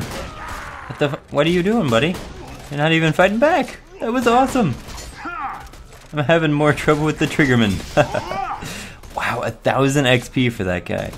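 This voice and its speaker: A let's play gamer, a man with a medium-pitched voice, chuckles and talks to himself while he plays, giving casual, sweary commentary on the game. The background is noisy.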